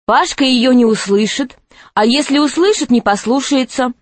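A woman narrating a children's storybook aloud in an expressive, lively reading. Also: high-pitched, moderate pace, no echo. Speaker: audiobook narrator.

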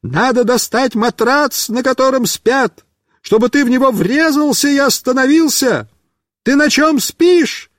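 A man doing a loud, scatterbrained young boy. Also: very high-pitched, animated, takes it slowly, no room sound, studio quality, voice pushed up, full character voice. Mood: shouting, excited. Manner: shouting across a yard.

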